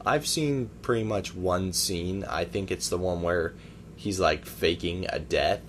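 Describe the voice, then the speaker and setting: A man co-hosting a casual podcast rambles through his opinions on movies, leaning on hesitant fillers. His voice is low and his pace measured. A bit of hiss or hum sits underneath.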